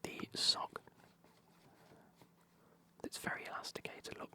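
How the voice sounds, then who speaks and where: A British man speaking in a breathy, unvoiced whisper, chatting casually through an ASMR unboxing in a hushed way. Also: slow pace. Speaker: ASMR video host.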